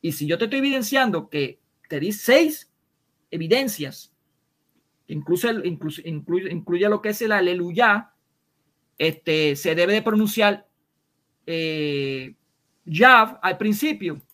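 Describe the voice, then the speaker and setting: Una voz con acento caribeño en pleno debate religioso por videollamada. Insiste sin pausa, repite cada punto varias veces y encadena preguntas retóricas. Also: mid-range voice, animated, fairly bright tone. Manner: insistent, repeats points and fires rhetorical questions.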